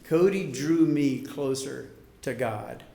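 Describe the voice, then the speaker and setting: A man's voice: mid-range voice, slow, gravelly, warm tone. A middle-aged man giving a heartfelt wedding toast as father of the bride, speaking emphatically and emotionally, holding back tears. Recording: echoey room.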